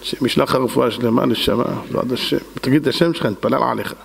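A man's voice: medium pitch, creaky, husky, in a large hall. A man preaching a sermon as a rabbi, fervent and dramatic, acting out the voices he quotes.

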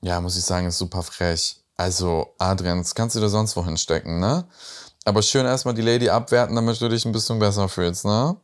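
A man's voice: on the low side, fairly even intonation, a little fast, a little hiss or hum. A young man hosting a reaction video, commenting casually and teasingly on a reality show. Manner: chatty and teasing, tag questions.

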